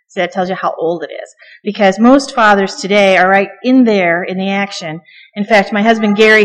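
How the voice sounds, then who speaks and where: A middle-aged woman preaching a conversational sermon from the pulpit, chatty and joking, with frequent ums. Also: mid-range voice. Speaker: guest preacher. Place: church sanctuary. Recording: long reverb of a church hall.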